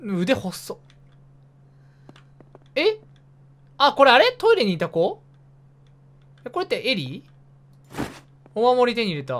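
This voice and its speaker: Extremely high in pitch and a bit bright, with wildly swooping intonation, a man gives casual commentary while streaming a horror game. He talks himself through his moves and, easily startled, lets out jumpy yelps and repeated exclamations.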